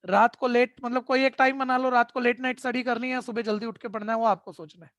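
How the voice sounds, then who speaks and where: A man's voice: very high-pitched, little pitch movement, quick pace, a bit bright, dry recording, studio quality. A man teaching math in an online class, sternly lecturing and scolding his students and often checking that they follow. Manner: keeps asking "ठीक है?" to check in. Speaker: math tutor.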